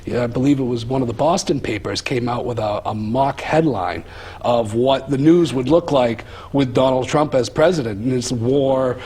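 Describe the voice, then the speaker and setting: A man's voice: mid-range voice, moderate pace, a little mellow, breathy edge. A man hosting a political talk show, hesitant and full of fillers as he introduces topics and questions his guest. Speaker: host.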